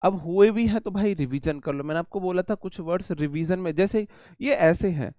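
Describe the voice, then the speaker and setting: In a live online English vocabulary class, a man with a high-pitched, dark voice talks at a normal speed with no echo. He's chatty, repeating words as he walks through memory tricks and responds to the chat.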